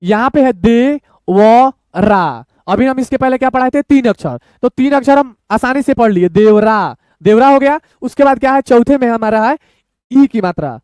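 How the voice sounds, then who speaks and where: Male online teacher, very high and clear voice, dry close sound, patient syllable-by-syllable drilling. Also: darkish tone, no echo. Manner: slow, patient, breaks words into syllables, repeats "thik hai". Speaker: Hindi reading teacher. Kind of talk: online lesson, syllable-by-syllable reading.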